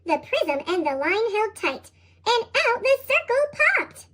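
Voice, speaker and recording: A storybook reader whose voice runs through a chipmunk effect, squeaky and sky-high. The reading hops up and down in a lively sing-song and bounces through rhyming verse. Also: unhurried. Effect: sped-up, high chipmunk-style pitch shift. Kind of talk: reading picture books aloud.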